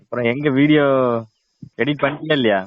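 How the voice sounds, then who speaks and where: In a dull lo-fi recording with slight hiss or hum, a man with a voice on the high side talks briskly, chatting casually with friends as a vlogger about planning videos.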